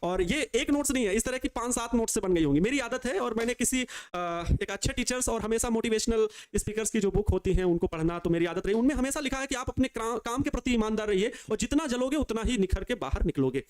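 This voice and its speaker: Young male physics tutor, North Indian Hindi accent, quick, high-pitched, rambling live-class chat. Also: animated. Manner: chatty, digressive, addresses students directly. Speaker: physics teacher. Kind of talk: live online class talk.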